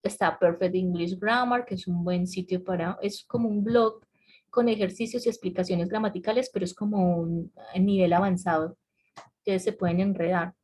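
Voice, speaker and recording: A woman's voice: lowish voice, fairly even intonation, normal speed, darkish tone. Woman teaching an online class. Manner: explains patiently, asks the class questions, laughs lightly. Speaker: English teacher. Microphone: computer mic on a video call.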